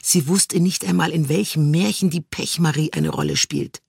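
A man's voice: on the high side, moderate pace, vocal fry, breathy edge, dry recording, studio quality, voice pushed up. A man voicing a dreamy, disorganized young female fairy in a children's storybook, with a plaintive, airy manner. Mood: gushing.

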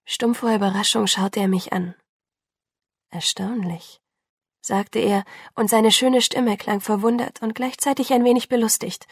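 A woman's voice: fairly high pitch, steady tone, moderate pace, hardly any pauses, slightly rough, no room sound, clean studio sound. A woman narrating a novel in the first person with intense, breathless storytelling. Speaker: audiobook narrator.

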